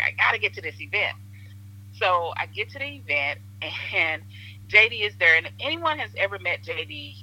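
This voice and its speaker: Podcast guest: animated woman, bright and husky, tinny phone sound, lively storyteller. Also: on the low side. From Southern Illinois, USA. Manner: animated storyteller, acts out quotes, laughs often. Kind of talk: casual chat.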